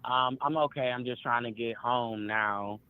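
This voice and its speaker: A man's voice: mid-range voice, a little slow, clear, resonant tone. A man talks on a phone set to speakerphone, so his voice comes through thin and tinny. He speaks bluntly and casually, swears freely and sounds worn out. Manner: blunt, profane, weary talk. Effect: heard over a phone on speakerphone. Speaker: interviewee just released. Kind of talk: casual street interview.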